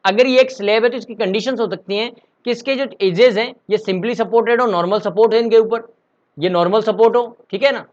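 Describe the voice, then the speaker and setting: A man's voice: high-pitched, a little fast. A man teaching civil engineering in a casual online lecture, asking and answering his own questions. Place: home room during a power cut. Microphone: laptop. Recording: slightly dull lo-fi audio.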